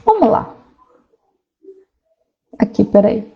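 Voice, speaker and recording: A woman's voice: a little high, sing-song, slow, gravelly, highs cut off, a little hiss or hum. A woman sociologist talking casually to viewers, explaining ideas and reading aloud from a website, with frequent tag questions. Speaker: sociologist commentator.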